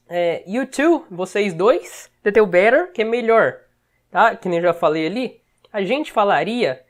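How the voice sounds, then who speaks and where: A woman with a Brazilian Portuguese accent, teaching English by explaining film dialogue, checking in often with short tags and repeating words slowly to model them. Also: mid-range voice.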